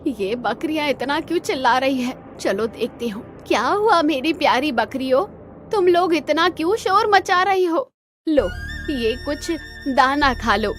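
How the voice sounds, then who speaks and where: A woman's voice: high-pitched, animated, measured pace, fairly bright tone, faint music behind. A woman voicing a stubborn, loving old grandmother who keeps goats, scolding and pleading. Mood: anguished. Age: older. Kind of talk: cartoon voice acting.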